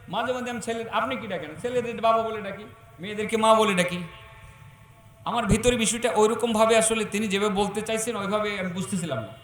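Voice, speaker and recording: A man preaching a waz sermon, swinging between loud exhortation and soft storytelling. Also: sits high. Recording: echoey and distant, faint hum.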